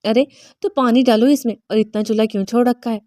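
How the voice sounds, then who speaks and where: A woman reading the lines of a brisk middle-aged mother-in-law scolding her daughter-in-law. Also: fairly high pitch, steady tone, mellow, no room sound, studio quality, natural voice. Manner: scolding, bossy.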